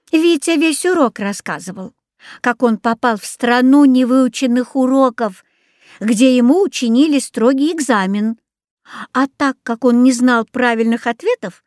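A woman's voice: sits high, darkish tone, no echo, studio quality, pitched above the performer's own voice. A woman voicing a prim, smug schoolgirl who reports matter-of-factly. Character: prim know-it-all schoolgirl.

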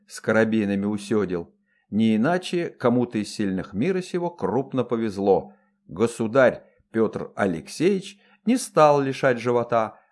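A man narrating an audiobook in a lively, expressive reading voice. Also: mid-range voice.

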